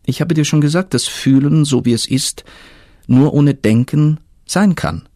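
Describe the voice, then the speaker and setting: A man voicing an ancient, patient, all-knowing river spirit in a storybook reading, speaking in a solemn murmur with a husky tone. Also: fairly high pitch, measured pace, mellow, no echo, clean studio sound, pitched above the performer's own voice, lightly acted.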